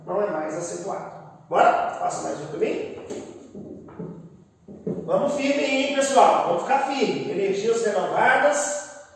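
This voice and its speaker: Man, grammar teacher, high voice, encouraging, distant mic in a long-reverb room. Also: measured pace, long pauses. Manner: lively and encouraging, often checks in with listeners. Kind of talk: grammar lesson.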